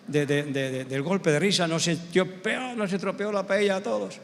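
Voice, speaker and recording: A male pastor with a Spanish accent from Spain, preaching a sermon as an animated storyteller who builds to emphatic, slow preaching. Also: high-pitched, slight background noise. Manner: animated storyteller who acts out quoted voices. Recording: long church hall reverb.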